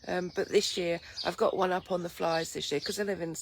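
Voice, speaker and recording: A sleepy English woman with a Lincolnshire accent livestreams from her garden in the morning, speaking a little fast in a lowish, croaky voice. She greets viewers and rambles casually with many ums, while her phone picks up background noise, loud birdsong and a light breeze.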